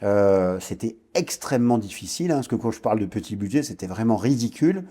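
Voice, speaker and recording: Warm-voiced man telling his story. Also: lowish voice, lively intonation, brisk, slightly rough. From French Guiana. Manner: reflective storytelling, frequent hesitations and restarts. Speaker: guest entrepreneur. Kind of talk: podcast interview.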